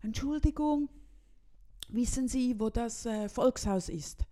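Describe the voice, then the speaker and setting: A man's voice: extremely high pitch, slow, dark tone. Brief: Swiss woman quoting an older man, seventies, polite, fretful, insistent. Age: 70s.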